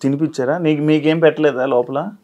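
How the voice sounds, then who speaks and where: A man hosting an interview, asking many short, lively questions. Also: on the high side, a little fast. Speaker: interview host. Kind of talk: casual interview.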